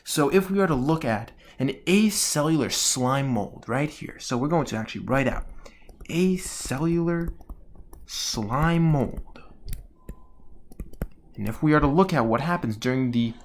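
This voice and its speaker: A man giving an explanatory lesson as a tutor, working through a question aloud with deliberate emphasis and rephrased points. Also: medium pitch, animated.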